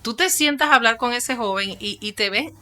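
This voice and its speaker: A woman's voice: on the high side, brisk, sharp tone. A woman with a Dominican accent, a pastor and psychologist, giving her testimony in an interview and acting out the dialogue she quotes. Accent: Dominican Spanish. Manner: storytelling that acts out quoted dialogue.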